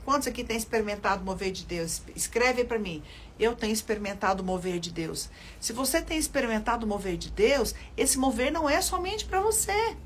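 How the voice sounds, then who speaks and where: A woman's voice: high voice, a bit bright, a little hiss or hum. Older woman preaching earnestly on a livestream. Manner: earnest, repeats phrases for emphasis, speaks to viewers directly. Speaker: children's ministry leader. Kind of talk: livestream sermon with testimonies.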